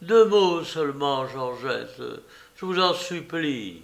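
A man's voice: fairly high pitch, expressive, slow pace, gravelly, heavily acted. A man reading aloud and voicing a feverish young man in love who eagerly pleads with her. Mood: pleading. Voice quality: eager, breathless. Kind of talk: audiobook character voice.

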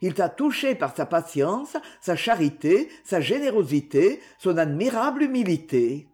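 A narrator reading a classic novel as an audiobook in a measured, expressive way. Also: medium pitch.

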